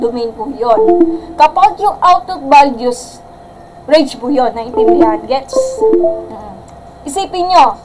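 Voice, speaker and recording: A woman math teacher giving a live-streamed algebra lesson in a loud voice that sounds angry, mixing English terms in and checking with "gets?". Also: sits high, slight background noise, rough recording. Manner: mixes English terms into Filipino, asks "gets?".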